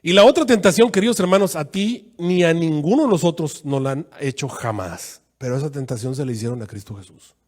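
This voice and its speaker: A man preaching a sermon as pastor, acting out quoted voices with sudden jumps in pitch. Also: brisk, a little mellow.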